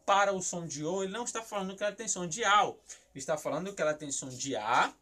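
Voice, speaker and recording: A man's voice: high voice, animated, fast talker, sharp tone. A Brazilian man teaching a recorded lesson on Hebrew syllables, asking himself questions and then answering them, often repeating words as he thinks. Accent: Brazilian Portuguese. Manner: explanatory, asks and answers his own questions, repeats words while thinking.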